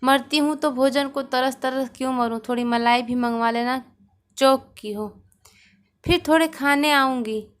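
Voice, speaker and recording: A woman's voice: sits high, a little slow, smooth. A woman voicing an ailing old mother who groans, laments and makes sly demands, in a read-aloud story. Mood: sarcastic.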